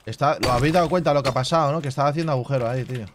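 A man talking through a game at a mid pitch, murmuring menu options under his breath between easy asides to his audience. Faint noise sits under his voice. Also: racing. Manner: thinks aloud, reading game menus half to himself; chatty asides to viewers with filler tags like "tío". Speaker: gaming channel host. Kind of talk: casual let's play commentary.

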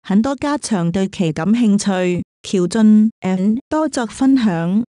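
Mellow woman reading a newspaper column. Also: medium pitch, expressive, slow pace, dry recording, studio quality. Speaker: reader.

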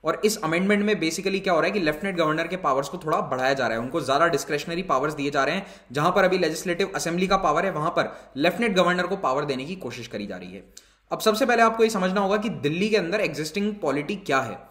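A man's voice: on the high side, expressive, fast talker, a bit bright, roomy sound. A male educator giving an explanatory exam-prep lecture, switching between Hindi and English terms. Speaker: civil services exam educator. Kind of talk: lecture with course promotion.

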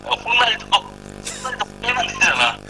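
A man on a stream teasing a friend, calmly asking why again and again. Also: very high voice, a little fast, faint music behind, rough recording. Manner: needling, keeps asking why. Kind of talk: teasing casual chat.

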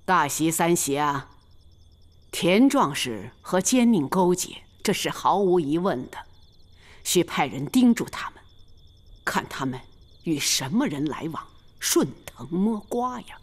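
An actress playing a wise old grandmother, the head of a noble family, who gives calm, commanding instructions in a historical TV drama. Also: on the low side, unhurried. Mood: calm instructing. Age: older. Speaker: family matriarch.

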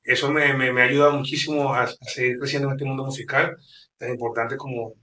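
A man with a Venezuelan accent, a band member answering in an interview with grateful, halting speech. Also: mid-range voice, level tone, sharp tone, slight background noise. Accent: Venezuelan Spanish. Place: studio interview set. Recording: roomy, a bit distant.

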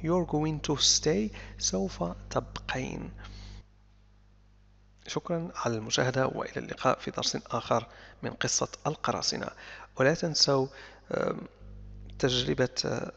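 A man teaching English through a story, reading each English line slowly and then explaining it quickly in Arabic. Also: medium pitch, gravelly, fairly bright tone. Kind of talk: bilingual story lesson, reading and translating. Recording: lo-fi with long reverb, faint hum.

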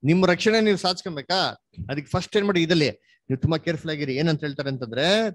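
A man's voice: a little high, fast talker, no room sound. Dry-voiced questioning male Bible teacher. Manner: questioning, prompts listener to answer and read verses; mixes English words into Kannada. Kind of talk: interactive Bible study lesson.

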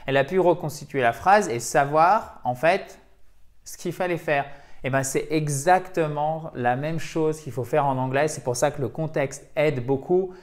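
Man teaching English, slightly high voice. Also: moderate pace. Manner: explains patiently, checks in with "ok?" often. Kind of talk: language lesson for French speakers.

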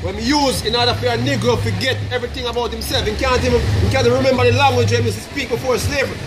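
A man's voice: very high-pitched, rapid-fire. A man in his thirties with a Jamaican accent, preaching insistently on a city street at night, often adding "you know what I mean" and "man". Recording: street crowd and music behind.

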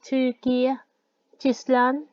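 A woman teaching a language lesson in a relaxed, casual way, explaining words one at a time. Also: a little slow, dry recording, lo-fi sound.

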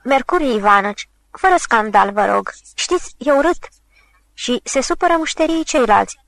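A woman voicing an anxious male restaurant owner who pleads softly and politely. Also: a little high, lively intonation, gravelly, no room sound, low-quality recording. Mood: pleading.

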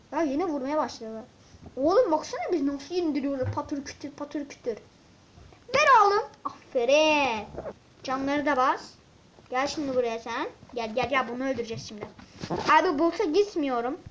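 High-voiced woman doing let's-play commentary, grumbly and excitable, dull lo-fi mic with a bit of hiss. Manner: excitable, grumbling, talks to viewers and the game. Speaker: gaming channel host.

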